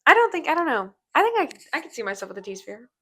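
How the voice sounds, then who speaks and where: A woman's voice: high-pitched, big pitch swings, fast talker, pushed and bright. A woman hosting a casual podcast, rambling with lots of fillers as she chats about movies. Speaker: podcast host. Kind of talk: casual chat.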